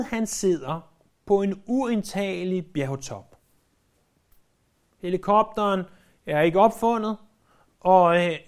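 Hesitation fillers and repeated words crop up often as a preacher delivers an animated sermon, and his pitch suddenly jumps whenever he acts out a quotation.

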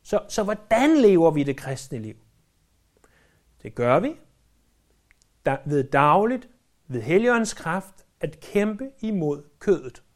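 A man's voice: a little high, big pitch swings, pauses often. A man preaching a sermon in an earnest, emphatic way, repeating key phrases for weight.

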